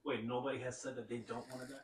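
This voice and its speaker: A man's voice: medium pitch, level tone, racing, distant mic. A man asking conversational interview questions. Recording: roomy, off-mic, clearly noisy.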